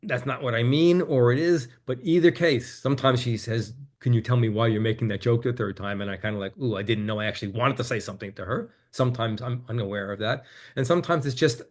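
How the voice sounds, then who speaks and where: A man, a guest on an interview, telling a personal story in a candid, reflective way and growing animated as he quotes his own conversations. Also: mid-range voice, fast talker, hardly any pauses.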